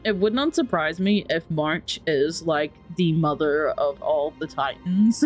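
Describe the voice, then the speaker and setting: A woman's voice: low-pitched, a little slow, soft background music. A woman giving casual let's play commentary, informally musing aloud as she plays and reads along. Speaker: gaming streamer.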